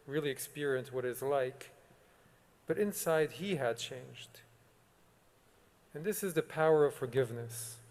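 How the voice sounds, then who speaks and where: A man, a rabbi, delivering a solemn, measured sermon with long pauses. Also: fairly high pitch, a little mellow. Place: synagogue sanctuary. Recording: long reverb of a large sanctuary.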